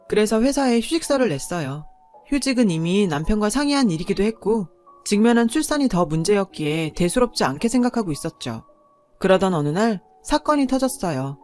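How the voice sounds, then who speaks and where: Female narrator, 30s, mid-pitched, steady confiding storytelling. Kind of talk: scripted first-person story narration. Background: faint background music.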